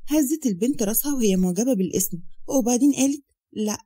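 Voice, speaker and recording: A woman with an Egyptian accent narrating a romantic story in a brisk, steady manner. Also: a little high. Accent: Egyptian Arabic.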